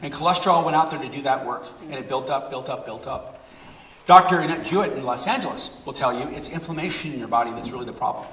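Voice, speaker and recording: A middle-aged man speaks quickly and energetically to an audience, often repeating words to drive a point home. The sound is roomy with a long hall reverb, and the mic sits a fair way off. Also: mid-range voice, fairly bright tone, recorded from a distance. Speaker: speaker giving a talk. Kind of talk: public talk with audience questions.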